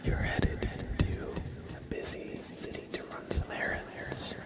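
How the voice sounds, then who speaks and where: Hosting an ASMR livestream, a man speaks in a breathy whisper and murmur, a little slowly. He chats informally and gently guides his listeners along.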